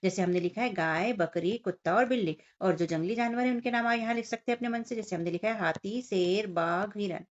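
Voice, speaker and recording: A woman's voice: medium pitch, a little fast, few pauses. A woman teacher walking young children through a Hindi workbook lesson, explaining each picture and question step by step and speaking to them directly. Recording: dull lo-fi sound.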